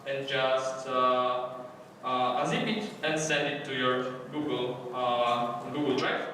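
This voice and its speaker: A man with a Polish accent presents a live coding workshop in English in a conference hall, speaking hesitantly with many fillers and restarts. His mid-range voice sounds pushed and bright, picked up by a distant mic in an echoey hall with faint noise.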